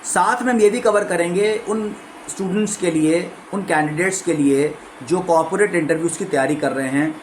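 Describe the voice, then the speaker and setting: A man with an Indian accent, an English trainer, explaining in a clear lesson style and demonstrating phrases by shifting the stress. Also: high-pitched, normal speed, a little hiss or hum, rough recording. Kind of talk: course overview lesson.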